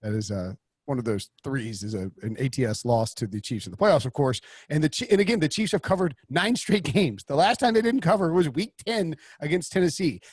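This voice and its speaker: Guy hosting a football betting podcast, talks fast and rambles, restarts a lot, dry room. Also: fairly high pitch, animated, husky, no echo. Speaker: podcast host. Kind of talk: casual sports betting talk.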